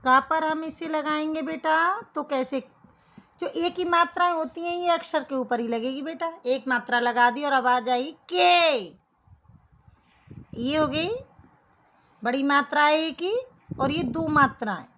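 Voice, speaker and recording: Slow, high-voiced woman teaching children. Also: fairly bright tone. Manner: patient, addresses kids as beta. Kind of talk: children's Hindi lesson.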